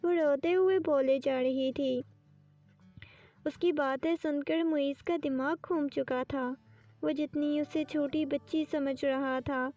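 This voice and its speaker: A woman narrating a romantic novel audiobook in a steady storytelling manner. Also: sits high. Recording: distant dull lo-fi with faint music.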